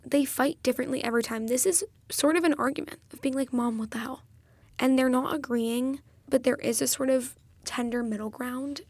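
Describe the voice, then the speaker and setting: A young woman talks through a film on her own podcast, eagerly retelling its scenes with real feeling. Her voice sits a little on the high side. The recording is dry and close, with no room sound. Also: fairly even intonation, a little fast, hardly any pauses, a little mellow, dry recording. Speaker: podcast host. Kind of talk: solo film review podcast.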